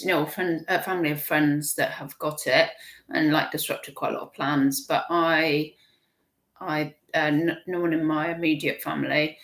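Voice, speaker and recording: A British woman hosting a casual live stream from her kitchen, rambling chattily and breaking off her own sentences. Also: fairly low pitch. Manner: chatty, self-interrupting, warm chuckles. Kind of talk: rambling casual chat, reading viewer comments. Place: home kitchen. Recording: echoey home kitchen.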